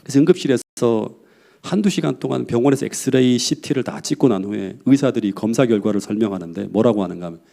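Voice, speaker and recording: A man's voice: medium pitch, fast talker, vocal fry, warm tone. A male pastor preaching a sermon, telling a personal story in a heartfelt, earnest way.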